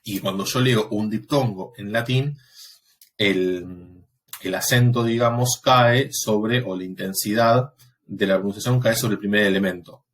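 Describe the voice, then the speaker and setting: A man teaching a Latin class, explaining step by step and often pausing to check that students follow. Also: fairly low pitch. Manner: patient, explanatory, checks understanding with frequent "¿sí?". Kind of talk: recorded class lecture.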